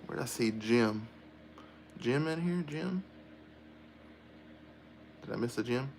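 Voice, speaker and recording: A man's voice: medium pitch, animated, slow, creaky, darkish tone, a little hiss or hum. A middle-aged man, chatting casually on a livestream and answering viewer comments aloud. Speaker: livestream host.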